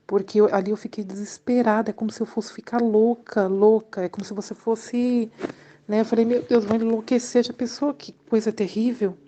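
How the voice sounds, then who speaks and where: A woman's voice: medium pitch, fairly even intonation, moderate pace, warm tone. A middle-aged woman with a Brazilian Portuguese accent giving an earnest, emotional religious testimony, repeating herself and addressing the listener as sister. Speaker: church member giving testimony.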